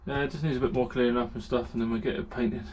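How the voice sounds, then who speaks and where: A man's voice: medium pitch, flat delivery, rapid-fire, a little mellow, slight background noise. Chatty British man in a hot garage. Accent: British English. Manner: chatty, rambling, lots of ums and so-yeahs. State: slightly out of breath from heat. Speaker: amateur race car builder. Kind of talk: casual workshop vlog narration.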